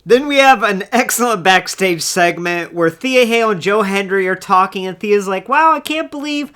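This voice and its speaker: A woman's voice: medium pitch, normal speed, fairly bright tone. A woman hosting a casual solo recap show, chatty and enthusiastic, who acts out the quotes she retells. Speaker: wrestling recap host.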